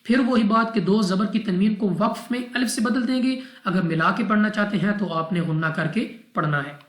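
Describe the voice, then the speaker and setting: Woman Quran tutor from Pakistan, patient rule-by-rule explainer, mid pitch, roomy echo. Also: brisk. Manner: methodical, repeats rules step by step. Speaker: Quran teacher. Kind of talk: tajweed lesson explanation.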